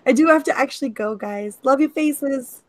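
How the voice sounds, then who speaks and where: A woman's voice: sits high, moderate pace, a little mellow. A woman in a casual group voice chat, teasing her friends playfully while saying her goodbyes. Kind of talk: casual banter.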